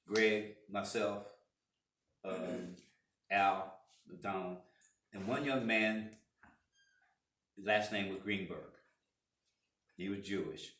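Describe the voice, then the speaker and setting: A man's voice: low voice, a bit bright. A man in his sixties telling stories in a rambling way, with many restarts and fillers, during a church interview. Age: 60s. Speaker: interviewee, parishioner. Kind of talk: casual interview storytelling. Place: church room. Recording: echoey room, far from mic.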